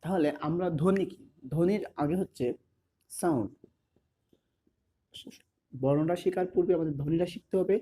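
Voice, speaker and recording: A man teaching a class, repeating key terms slowly as he writes them out. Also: on the high side, mellow, slight background noise. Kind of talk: explanatory class lesson.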